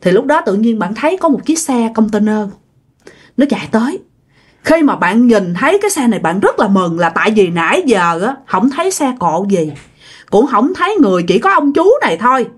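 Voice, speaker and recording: Animated Southern Vietnamese woman storyteller. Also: fairly high pitch, brisk, breathy edge. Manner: chatty, addresses listeners directly, many fillers. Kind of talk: casual ghost-story narration.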